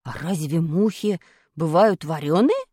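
A woman's voice: fairly low pitch, expressive, unhurried, dark tone, husky, no room sound, pitched below the performer's own voice. A glum, sluggish schoolboy, as a woman puts him on for a children's story. She drops her voice well below her own and lets it droop. The sound is dry and close.

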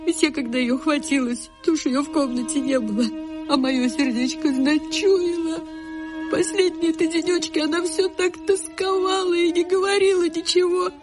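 A woman's voice: extremely high pitch, fairly even intonation, moderate pace, music in the background, pitched above the performer's own voice. A woman voicing a peasant maid who laments in a tearful, sing-song voice. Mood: lamenting.

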